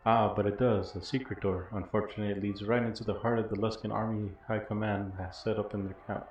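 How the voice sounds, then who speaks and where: A man's voice: lowish voice, flat delivery, fast, darkish tone, lightly acted. A man voicing a poor, blind old former smuggler from a video game, wry and bitter, in a rambling storyteller's delivery. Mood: wryly amused. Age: older. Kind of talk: reading video game dialogue in character. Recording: dull, roomy audio with faint noise.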